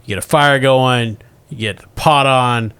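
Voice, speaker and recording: A man's voice: mid-range voice, fairly even intonation, measured pace, a bit bright, a little hiss or hum. A man casually narrating a tabletop role-playing game as game master.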